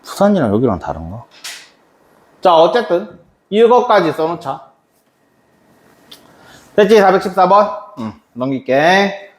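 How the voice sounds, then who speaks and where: A man's voice: sits high, very animated, unhurried, pauses often. A man teaching a math lesson to a class, chatty and quizzing students by name. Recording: echoey classroom.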